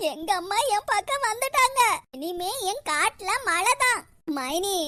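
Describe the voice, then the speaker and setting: A woman's voice: very high voice, bright, forceful tone, no room sound. A woman voicing a scheming young woman in a cartoon, with a Kanyakumari Tamil accent and gloating asides.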